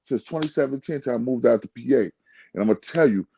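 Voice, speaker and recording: A man talking in a casual podcast chat, animated and interrupting, swearing freely. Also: medium pitch, fast talker, gravelly, dull audio, slight background noise.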